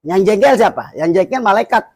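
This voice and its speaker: A man from Indonesia, an Islamic preacher, teaching in a conversational way, animated, laughing often and building repeated lists. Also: sits high, quick pace, husky, dry recording.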